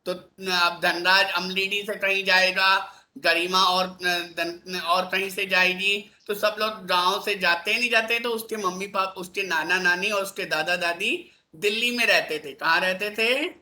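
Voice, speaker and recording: A man's voice: sits high, fairly even intonation, a little slow, few pauses, sharp tone. A male teacher giving a classroom lesson, coaxing his pupils with constant questions like "isn't it?". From India.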